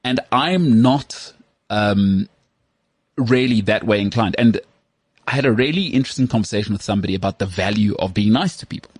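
A man's voice: lowish voice, a little fast, husky, no room sound. A man in his thirties hosting a casual chat, rambling and self-mocking with lots of restarts. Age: 30s. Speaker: podcast host.

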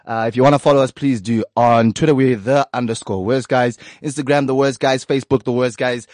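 A man's voice: medium pitch, steady tone, brisk, darkish tone, dry recording, studio quality. A man co-hosting a podcast in casual chat, joking, swearing freely and rhyming off the cuff. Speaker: podcast co-host.

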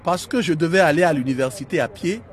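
A man's voice: on the high side, fast talker, natural voice. An actor playing a kindly, courteous male doctor in a radio drama, reassuring and polite. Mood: friendly, reminiscing.

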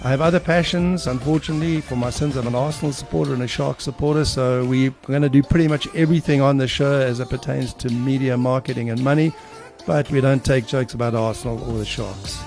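A jovial man in his sixties, co-hosting a podcast in an energetic, chatty presenter manner. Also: medium pitch, fast talker, vocal fry, music in the background. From South Africa. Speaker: podcast co-host. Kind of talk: casual podcast chat.

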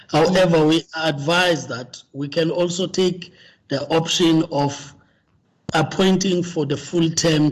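A man chairing a formal committee meeting, speaking haltingly with many fillers. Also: fairly high pitch, slightly rough, rough recording.

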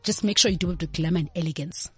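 A woman's voice: lowish voice, racing, a little mellow, faint music behind. A woman guest in a radio studio giving emphatic advice and repeating her catchphrases. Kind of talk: casual advice in an interview.

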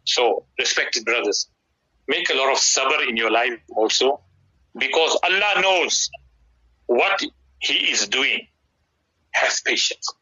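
Forceful, husky South African Indian male preacher. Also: medium pitch, lively intonation, takes it slowly. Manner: emphatic, preacherly, repeats key phrases. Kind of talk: conversational radio sermon. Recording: slightly dull radio broadcast sound.

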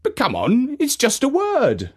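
A man narrating a children's story in a playful, expressive way. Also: very high voice, unhurried, breathy edge. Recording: narration over music.

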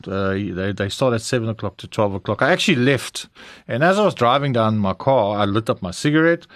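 A man's voice: lowish voice, expressive, fairly quick, no room sound, studio quality. A middle-aged South African man with a South African English accent, frankly telling his personal testimony as an interview guest. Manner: candid, frank storytelling.

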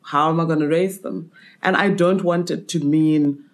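A young man from Zimbabwe, a guest on a podcast, who talks openly and with animation. His conversational delivery moves easily between personal reflection and lively agreement. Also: on the high side, moderate pace. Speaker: podcast guest, brand strategist.

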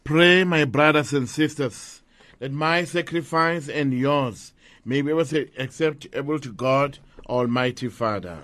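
A man's voice: mid-range voice, unhurried, fairly bright tone, no room sound. A man speaking as a priest at Mass, reciting liturgical prayers in a solemn, formal way.

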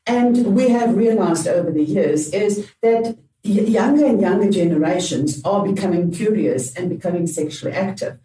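A woman's voice: medium pitch, normal speed, few pauses, warm tone. A woman with a South African accent, hosting a panel discussion as a radio talk show host. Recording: roomy, distant mic, faint background noise.

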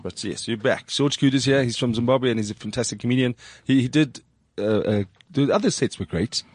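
A man's voice: medium pitch, a little fast, darkish tone, dry recording. A man hosting a studio podcast in casual chat. He teases his guests, laughs often and keeps the show moving. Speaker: podcast host. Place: radio studio.

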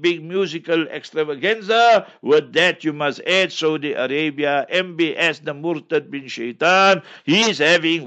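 A man from South Africa, with a South African accent and Memon as his first language, answers listener questions as an Islamic scholar. He speaks emphatically and preacherly in a slightly high voice that sounds pushed and bright.

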